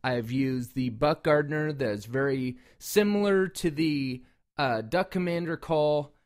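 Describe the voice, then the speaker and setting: Male reviewer, somewhat high voice, informal and loosely rambling, everyday hobbyist review delivery. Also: a little slow. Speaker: product reviewer and call maker. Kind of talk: casual product review talk.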